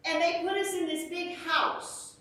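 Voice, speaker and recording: A middle-aged woman, telling a lively story as a children's church teacher. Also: extremely high pitch, a little slow. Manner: animated storyteller, shrieks when acting out fright. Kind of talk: storytelling lesson to kids. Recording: echoey church room, from far off the mic.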